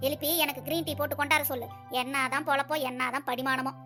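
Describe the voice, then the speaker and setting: Nagging old mother-in-law in a cartoon, high and sharp, always complaining. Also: level tone, fast talker, faint music behind. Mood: scolding. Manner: scolding, complaining. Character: bossy older mother-in-law, dieting and demanding. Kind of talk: cartoon voice acting.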